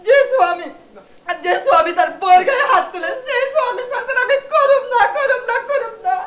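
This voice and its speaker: An actress playing a quarrelsome young village wife who complains in rustic dialect and sobs melodramatically in a comic drama. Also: female voice, very high voice, expressive, fast, a bit bright. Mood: sobbing. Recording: echoey room with music.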